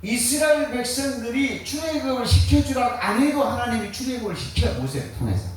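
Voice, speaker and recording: A man's voice: very high voice, animated, fairly quick. A man preaching a sermon as pastor, firing rhetorical questions and answering them in a colloquial, joking way. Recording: very echoey, distant mic.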